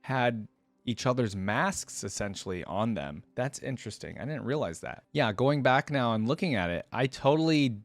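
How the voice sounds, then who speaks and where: A man hosts a reaction video, speaking informally, thinking aloud as he comments, and sometimes reading aloud. His mid-range voice is expressive and moves at normal speed. Soft music plays in the background.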